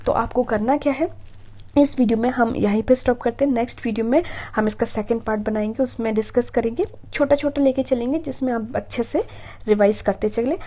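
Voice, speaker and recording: A woman teaching an exam prep lesson on spelling, repeating each word slowly to drill it. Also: fairly high pitch, mellow.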